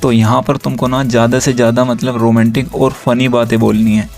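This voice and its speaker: Flat-voiced young man giving advice. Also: medium pitch, fairly quick, soft background music. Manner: reads chat lines aloud in a flat steady tone, addresses viewers directly. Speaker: relationship advice creator. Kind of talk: casual explainer reading out chat messages.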